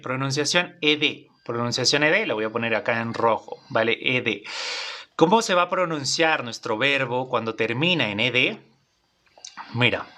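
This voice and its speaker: This English teacher, whose mid-range voice is bright and forceful, conducts his class in Spanish. He repeats phrases patiently and keeps checking on his students with "¿vale?"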